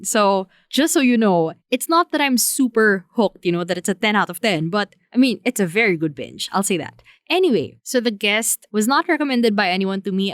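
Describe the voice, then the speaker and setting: A woman's voice: mid-range voice, dry recording, studio quality. A woman hosting a podcast, talking casually on her own in an informal review, chatting directly to her listeners. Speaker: podcast host. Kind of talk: casual solo drama review.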